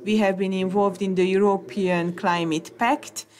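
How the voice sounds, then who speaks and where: Slow, hesitant woman interpreter. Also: medium pitch, steady tone, darkish tone. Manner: halting, many hesitations and restarts. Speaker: conference interpreter. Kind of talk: simultaneous interpretation of conference talks.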